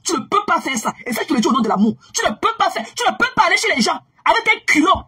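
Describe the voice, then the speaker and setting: A woman on social media delivering a heated, scolding gossip rant, repeating herself and swinging between low and raised voice. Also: sing-song, fast, bright, forceful tone.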